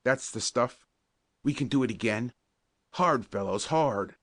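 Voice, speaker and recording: Male narrator voicing a strained, hoarse young football player pushing his team; pitched up, dry. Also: lively intonation, unhurried, a bit bright, dry recording. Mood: urging.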